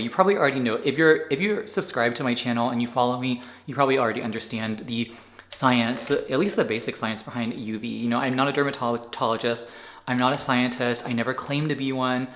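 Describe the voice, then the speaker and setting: A man's voice: mid-range voice, a bit bright. A man talking casually to camera as a skincare creator, rambling and correcting himself as he explains, then patiently defending his point. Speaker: skincare YouTuber.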